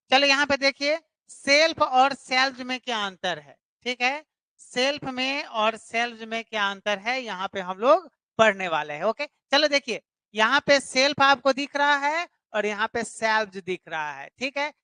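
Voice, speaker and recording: Brief: woman, online tutor, fairly high voice, dry close sound, keeps repeating and quizzing. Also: lively intonation, moderate pace, pushed and bright, smooth, no room sound. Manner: repetitive, explanatory, questions students directly. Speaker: English teacher. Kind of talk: live online grammar class.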